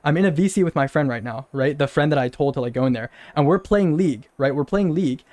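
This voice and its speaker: A man's voice: on the high side, expressive, fast, darkish tone, no room sound. A young man telling a long story, rambling and repeating himself with incredulous laughs. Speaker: streamer. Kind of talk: casual storytelling rant.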